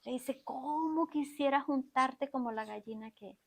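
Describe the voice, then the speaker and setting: Speaking directly to her congregation, a woman preacher with a high-pitched voice delivers an unhurried sermon in a church sanctuary. She keeps breaking off to ask them questions.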